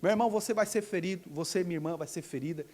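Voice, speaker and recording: A man preaching a sermon in a church, telling a testimony and acting out the dialogue, rising into shouts of praise. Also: high voice, rapid-fire, long reverb tail, a little hiss or hum. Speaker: pastor.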